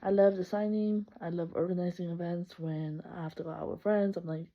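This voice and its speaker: A young woman from El Salvador introduces herself for a class, chatty and upbeat, often laughing and correcting herself. Her fairly low voice stays steady and runs a little fast, in a slightly muffled lo-fi recording.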